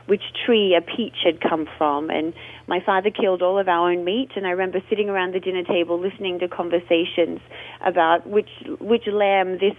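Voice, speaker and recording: An Australian food blogger, a guest on a radio interview, tells her story in a chatty, expansive way over a tinny phone line. Her voice is fairly low and steady in tone, and she speaks briskly.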